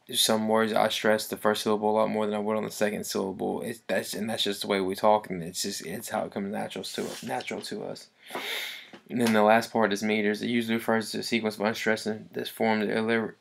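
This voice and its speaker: A man giving an informal class presentation, halting, with many fillers and restarts. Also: lowish voice, gravelly.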